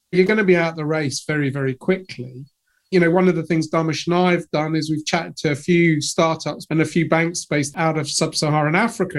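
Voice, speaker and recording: Man, podcast co-host, enthusiastic, reflective, higher pitch. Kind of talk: podcast interview.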